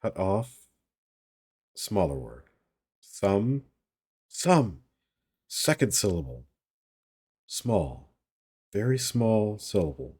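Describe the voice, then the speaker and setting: An eager, simple-hearted young watchman, put on by a man reading aloud. His guesses come earnest and puzzled in a low, slightly husky voice. The delivery is unhurried. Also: sing-song, a little mellow, full character voice. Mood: eager guessing.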